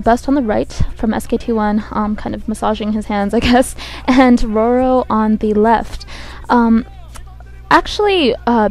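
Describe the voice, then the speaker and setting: A woman with a croaky voice from a cold gives hesitant esports commentary, thinking aloud as she goes. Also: fairly high pitch, darkish tone. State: has a cold. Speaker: game commentator. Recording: buzzy microphone.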